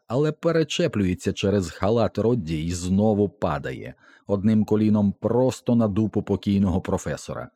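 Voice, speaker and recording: A man narrating an audiobook with a tense, expressive dramatic reading. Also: sits low, dry recording, clean studio sound.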